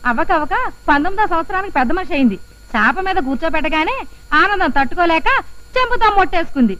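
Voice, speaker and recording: A woman's voice: very high-pitched, lively intonation, fast, fairly bright tone, low-quality recording. A woman playing the bride's relative in a film comedy, chattering out explanations.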